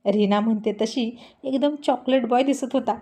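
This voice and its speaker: A woman's voice: fairly high pitch, normal speed. A woman narrating a serialized love story, voicing every character expressively. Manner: expressive, acts out all characters.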